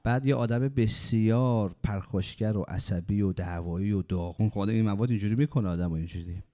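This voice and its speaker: A man's voice: on the low side, dark tone. A man preaching a sermon, telling stories and pressing his points with rhetorical questions. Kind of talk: sermon with anecdotes.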